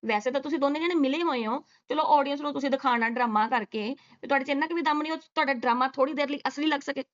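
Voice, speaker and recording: A woman's voice: high voice, rapid-fire, lo-fi sound. A woman doing sarcastic reaction commentary, scolding and mocking with rhetorical questions. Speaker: reaction vlogger.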